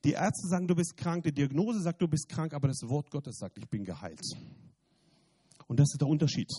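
A man preaching a sermon and giving his testimony, repeating phrases and swinging from loud emphatic bursts to quiet remarks in a church. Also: fairly high pitch, lively intonation, fairly quick, husky. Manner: repeats phrases, restarts words.

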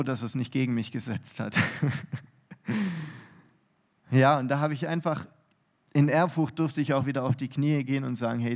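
A man's voice: medium pitch, vocal fry. A man giving a personal testimony sermon with prayer from a church stage, earnest and heartfelt, often restarting his sentences.

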